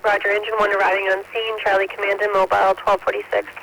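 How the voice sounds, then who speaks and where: A man's voice: high voice, monotone, fast, creaky, bright, forceful tone, rough recording. A man working as a fire dispatcher, formally reading messages back over two-way radio. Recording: hissy radio dispatch audio.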